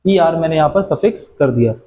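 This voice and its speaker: A man's voice: fairly high pitch, lively intonation, fairly quick, dark tone, roomy sound, lo-fi sound. A man teaching an English grammar lesson to students, explaining patiently and answering his own questions.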